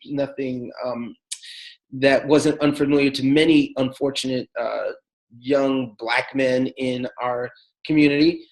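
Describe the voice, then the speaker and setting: A relaxed new pastor in his forties from the Bronx, New York City, appears as a guest telling casual personal stories. His medium-pitched voice is unhurried and the audio is poor. Chatty and full of fillers, he laughs between thoughts.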